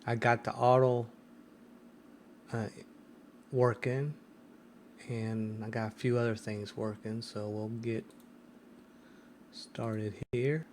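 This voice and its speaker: Slow, halting man walking through a tutorial. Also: medium pitch, little pitch movement, darkish tone, a little hiss or hum. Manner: hesitant, many ums and restarts. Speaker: tech video host. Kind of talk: casual screen-recorded tutorial.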